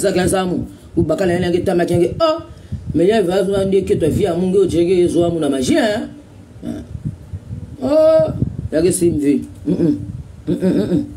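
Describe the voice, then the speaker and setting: High-voiced Congolese man rambling on radio. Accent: Congolese (Brazzaville). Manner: rambling and repetitive, with many filler sounds. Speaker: radio show host. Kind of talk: casual commentary monologue. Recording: distant mic with a noisy background.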